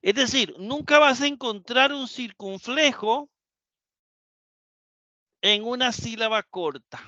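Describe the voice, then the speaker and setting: A man's voice: very high voice, takes it slowly, bright, forceful tone, dry recording. A man teaching Greek in a live class lecture. He repeats the key points and keeps asking the students questions.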